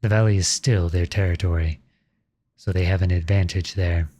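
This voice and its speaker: Here the man playing the outlawed young prince, now a lowly soldier in a roleplay audio drama, sounds serious and strategic. His voice is steady and mellow, and he speaks with formal, measured courtesy and earnestness.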